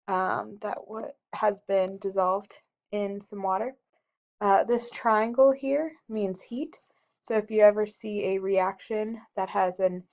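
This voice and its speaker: A woman's voice: medium pitch, muffled recording. A woman chemistry teacher giving a recorded lecture, explaining steadily with frequent ums and uhs. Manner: slow and explanatory, frequent um and uh fillers.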